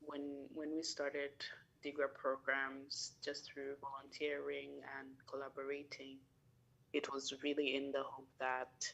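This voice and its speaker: Female, gravelly and husky, monotone, measured congratulatory address. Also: a bass voice, muffled recording. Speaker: senior team member giving congratulations. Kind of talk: short congratulatory remarks.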